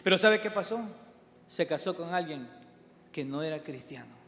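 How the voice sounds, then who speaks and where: A middle-aged male pastor with a high voice preaches a live sermon. He urges his hearers with emphatic repetition, then drops into quiet storytelling. The recording carries the long reverb of a large church hall. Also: lively intonation, normal speed.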